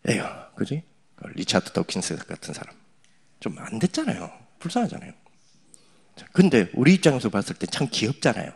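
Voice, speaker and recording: A middle-aged pastor preaching a sermon, his voice husky and his pitch leaping up and down. He teases and chats with the crowd, dropping to near-whispered asides between louder lines. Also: sing-song, fairly quick. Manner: teasing, conversational, swings from loud to hushed asides. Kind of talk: sermon to young adults.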